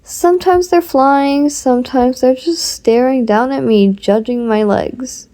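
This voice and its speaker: A woman's voice: high voice, unhurried, dark tone. A woman voicing a whiny, teasing boy who complains and jokes as he climbs. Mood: playful. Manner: playful, whining.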